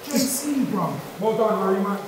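A man in his twenties with a London accent, bantering excitedly and casually in slang as a quiz contestant. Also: high voice, moderate pace, background noise. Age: 20s. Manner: animated, exclaiming, slangy. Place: large tiled indoor pool room, in a tub of water. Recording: echoey indoor pool, music behind.

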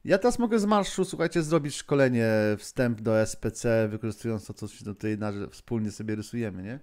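A man's voice: medium pitch, brisk, darkish tone. A man hosting a live-streamed lesson, thinking aloud with many fillers and restarts, chatting with viewers and moderators as he goes.

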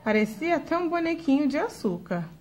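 A woman teaching a recorded lesson to young schoolchildren, slowing down to sound out each word clearly. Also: high-pitched, sing-song, darkish tone. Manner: slow, clearly spelled-out words for young pupils. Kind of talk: recorded video lesson for children.

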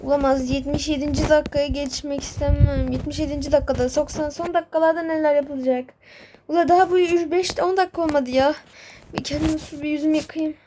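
High-voiced, panicky woman role-playing. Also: steady tone, fast. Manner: frantic, panicky self-talk. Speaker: video creator narrating a game role-play. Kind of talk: role-play narration, talking to herself. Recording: noisy background with clicks.

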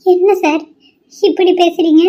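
A woman's voice: very high voice, fairly even intonation, unhurried, dark tone. A woman voicing an upset young college student in a cartoon, pleading and protesting. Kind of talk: cartoon voice acting. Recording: dull lo-fi audio.

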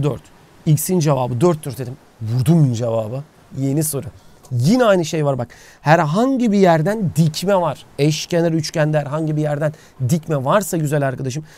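A man with a mellow voice on the high side teaches geometry informally by the sea. As the math teacher talks to himself, he poses questions aloud and answers them himself.

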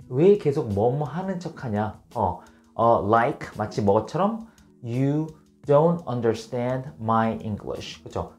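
A Korean-speaking man gives a casual English lesson, and his pitch swings up and down as he explains. He drills each phrase slowly and clearly. Faint background music plays under his voice. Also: a little mellow. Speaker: English teacher.

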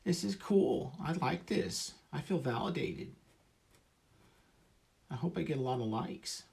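A man putting on a high, needy baby voice as a grown man begging for praise online. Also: animated, measured pace, vocal fry, a little mellow.

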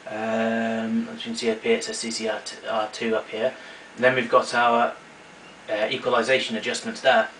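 A man with a lowish, fairly bright voice speaks at normal speed in a completely flat delivery, casually demonstrating equipment hands-on and explaining matter-of-factly. He's recorded indoors in a small room at home by a camera mic a short distance away. It's a noisy amateur recording with clear background noise.

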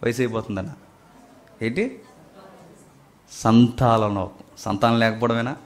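Telugu-accented man preaching with loud bursts. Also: fairly even intonation, a little slow. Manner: swings from quiet questions to loud, high-pitched exhortation; asks the audience rhetorical questions. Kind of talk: sermon.

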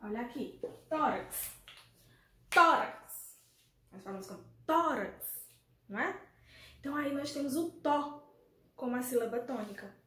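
High-voiced Brazilian woman teacher, echoey room. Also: moderate pace, pauses often. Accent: Brazilian Portuguese. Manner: affectionate, coaxing, asks pupils questions. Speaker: primary school teacher. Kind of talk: remote class lesson. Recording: echoey room, faint noise.

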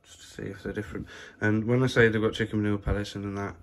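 A man with a low, monotone voice talks casually through a phone walk-through of his plot, full of fillers. Wind and outdoor noise sit clearly behind him. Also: fast. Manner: chatty, plain-spoken, full of fillers. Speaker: allotment vlogger. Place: windy allotment outdoors, then a room at home.

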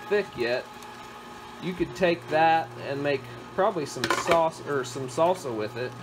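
A man's voice: mid-range voice, background noise. A man in his thirties, a homestead father, casually explaining a kitchen task while working with his kids at home. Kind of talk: casual demonstration.

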